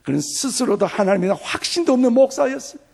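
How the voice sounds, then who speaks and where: Male pastor, high voice with gravel, sermon delivery, dynamic storytelling from hushed to loud. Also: very animated, fast. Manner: storytelling preacher, swings from soft asides to loud emphatic bursts.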